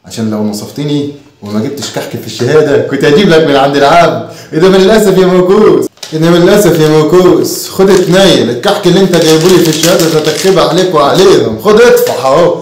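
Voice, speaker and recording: A man's voice: a little high, fast talker, close to an everyday voice. A man with an Egyptian accent playing a stingy, mocking father who teases his son in a home comedy sketch. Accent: Egyptian Arabic. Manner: sarcastic, teasing, lively sing-song. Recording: echoey room.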